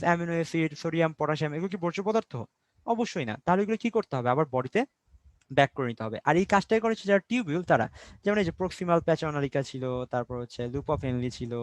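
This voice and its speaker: A young Bangladeshi man with a higher-pitched voice tutors biology in an online class, recorded with no echo. He explains step by step, poses questions and answers them himself, and slips English words into his speech.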